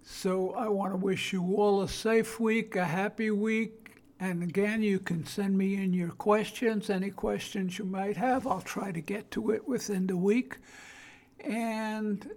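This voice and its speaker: An older woman with a Brooklyn accent and a husky, gravelly voice, hosting an informal solo podcast in a plain-spoken, halting, earnest way. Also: medium pitch, steady tone, a little mellow. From Brooklyn, New York. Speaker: podcast host.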